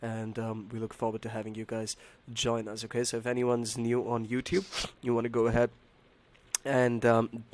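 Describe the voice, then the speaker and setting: A man hosting a trading livestream, talking casually and haltingly to his viewers in a hoarse voice that sounds unwell. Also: medium pitch, monotone. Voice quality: hoarse, strained voice. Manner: halting, repeats himself, addresses viewers as buddy and man. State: unwell, voice not as usual. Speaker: live trading stream host.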